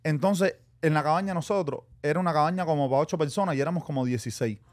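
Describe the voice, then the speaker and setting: A man, his voice sitting somewhat high, tells a long story on a podcast. He slips into the voices of the people he talks about and keeps calling his listeners "brother". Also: quick pace. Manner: animated storyteller acting out quotes, calls listeners "mi hermano". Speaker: podcast guest. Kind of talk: casual storytelling chat.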